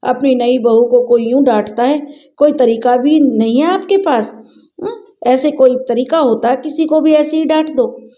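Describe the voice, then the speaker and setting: A woman's voice: a little high, a little slow, warm tone, lightly acted. A woman voicing a young man who scolds his mother for the sake of his new wife, in an indignant tone.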